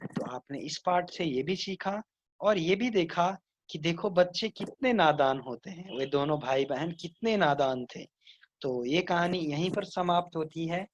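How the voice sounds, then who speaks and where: A man's voice: fairly high pitch, expressive, a little slow, highs cut off, a little hiss or hum. A male school teacher retelling and explaining a textbook story plainly to children.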